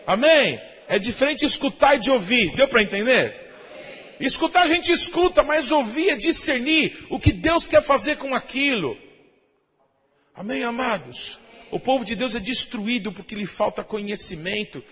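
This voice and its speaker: A Brazilian pastor preaching a sermon, often asking the congregation "amém?" and imitating shofar blasts. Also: male voice, extremely high pitch, lively intonation, moderate pace, fairly bright tone, big-room sound. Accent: Brazilian Portuguese.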